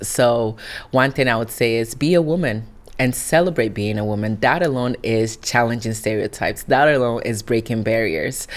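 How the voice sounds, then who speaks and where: A woman from Italy, giving reflective, encouraging interview answers in an earnest way. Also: a bass voice. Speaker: interview guest, founder.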